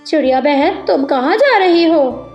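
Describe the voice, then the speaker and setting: A woman's voice: high voice, animated, a little slow, a little mellow, lo-fi sound. A woman voicing a worried father pigeon in a cartoon, earnest and reassuring. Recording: echoey room with music.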